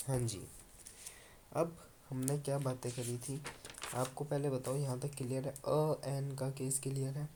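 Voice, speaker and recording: Male tutor, unhurried, warm low timbre, patient coaxing classroom manner. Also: flat delivery, slight background noise. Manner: coaxing, repeats points, calls students "babu". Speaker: English teacher. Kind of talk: Hindi-language grammar lesson.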